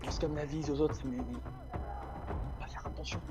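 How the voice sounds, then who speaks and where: A man's voice: on the high side, little pitch movement, fairly quick, music in the background. A man talking in casual slang as a player in a tabletop role-playing game.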